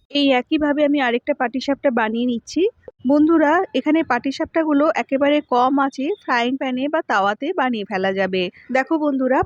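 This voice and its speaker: A woman, host of a cooking channel, calmly narrating a recipe step by step and speaking to her viewers as friends. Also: sits high, no room sound, highs cut off. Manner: calm, instructive, addresses viewers as friends.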